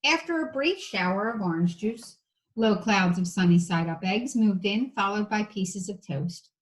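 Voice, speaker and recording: A woman's voice: mid-range voice, lively intonation, moderate pace, low-quality recording. A woman reading a children's storybook aloud like an elementary teacher, with casual asides to the listeners.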